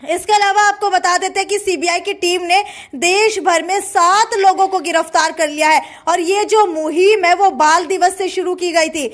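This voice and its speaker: A woman's voice: very high voice, fairly even intonation, moderate pace, few pauses. A woman presenting a breaking news bulletin in semi-formal spoken delivery, leaning on repeated filler phrases.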